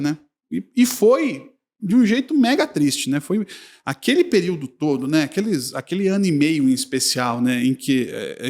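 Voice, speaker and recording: A man telling stories in a relaxed podcast conversation. His voice sits high and moves lively up and down, and he laughs often between anecdotes. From Brazil. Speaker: podcast guest, sports journalist. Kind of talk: casual storytelling chat.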